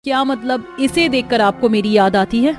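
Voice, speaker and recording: A woman voicing a touchy young unmarried woman who takes offense quickly and talks in an indignant, raised voice. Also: fairly high pitch, faint music behind, lightly acted.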